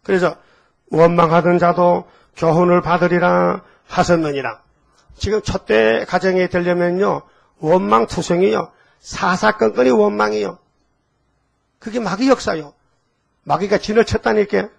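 A man's voice: high voice, steady tone, measured pace, gravelly. An older pastor, preaching in a folksy storytelling way, quizzing his congregation and leading them in repeated readings. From Gyeongsang province, Korea. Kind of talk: sermon.

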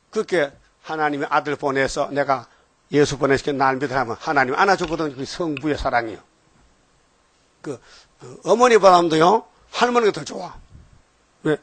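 A man's voice: a little high, fairly bright tone, no room sound. An older man giving an informal, rambling sermon, often checking on listeners with short questions. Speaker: preacher.

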